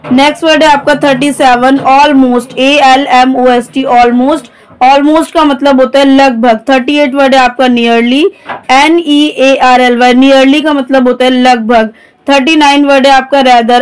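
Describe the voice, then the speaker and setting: A woman's voice: high voice, steady tone, measured pace, clean tone. A woman teaching English vocabulary, spelling each word letter by letter and then explaining its meaning. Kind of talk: vocabulary lesson, spelling out words.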